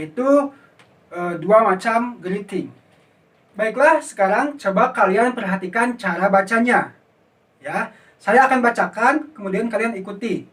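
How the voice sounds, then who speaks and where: Indonesian guy teaching english online, talks slow, sounds kinda far from the mic. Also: high voice, fairly bright tone. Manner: slow, patient explaining with repeat-after-me drills. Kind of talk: online class lesson.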